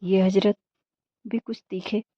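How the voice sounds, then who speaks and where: A woman's voice: medium pitch, steady tone, slow pace, no room sound. A woman voicing a proud young wife from a wealthy family in a storybook reading, speaking in a cutting, indignant way. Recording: dull muffled dry recording.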